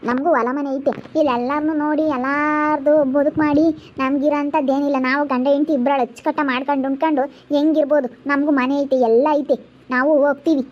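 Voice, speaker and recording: A woman playing a sharp-tongued sister who argues over caring for their parents, with a rural central Karnataka accent. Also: high voice, fairly even intonation, fast talker, lightly acted. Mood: argumentative. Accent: rural central Karnataka Kannada. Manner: scolding, argumentative. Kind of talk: amateur family drama acting. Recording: muffled lo-fi recording.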